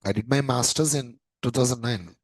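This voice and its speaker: A man's voice: medium pitch, normal speed, no room sound, rough recording. A man in his thirties with an Indian English accent, lecturing a class in a chatty way and often repeating his phrases. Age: 30s. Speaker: teacher.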